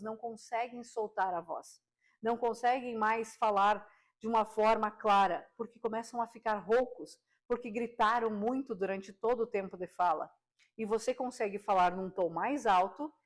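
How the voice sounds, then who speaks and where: Expressive woman teaching about voice. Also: medium pitch. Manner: expressive, asks the viewer rhetorical questions. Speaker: radio broadcaster and communication teacher. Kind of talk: direct-to-camera speaking lesson.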